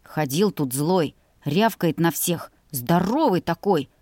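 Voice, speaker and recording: A woman voicing a grumpy, indignant young man, the heroine's brother, speaking in a sulky, grumbling way, a little lower than her own voice. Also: lively intonation, takes it slowly, warm tone, no echo, studio quality.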